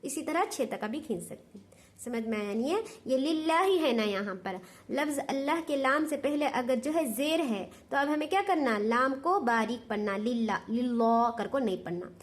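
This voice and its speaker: High-voiced Hyderabadi woman teaching patiently. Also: lively intonation, moderate pace. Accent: Hyderabadi Urdu. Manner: patient, repetitive, asks "understood?". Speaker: Quran recitation teacher. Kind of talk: step-by-step lesson explanation.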